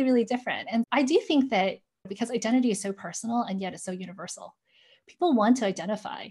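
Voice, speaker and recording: As an interview guest, a woman in her forties from the United States shares earnest reflections on growing up, peppering her storytelling with "you know." Her voice is a little high, a little mellow, and slightly rough.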